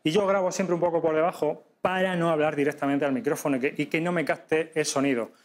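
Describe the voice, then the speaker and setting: A man teaching a live podcasting workshop to an audience, lively and demonstrative, often checking in with quick questions. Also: on the high side. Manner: lively, demonstrative, addresses audience directly with frequent tag questions.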